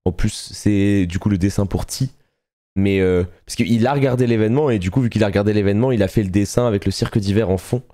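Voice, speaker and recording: Fast-talking, with a voice on the low side, this streamer chats excitably and casually with his audience, laughing frequently and swearing in passing.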